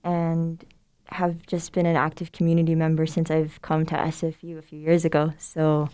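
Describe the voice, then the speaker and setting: A young woman from Somalia, president of a student club, speaks as a guest on a podcast. Her voice sits low and smooth at a normal speed, and she chats casually and at length in a relaxed, friendly way, using plenty of fillers. Other people are in the room with her.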